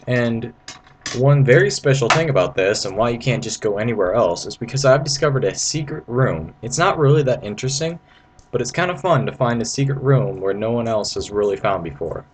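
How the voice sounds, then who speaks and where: Speaking a little fast with a medium-pitched, expressive voice, a man gives casual gameplay commentary. He guides the game playfully and informally, rambling as he goes, in a noisy amateur recording made at home.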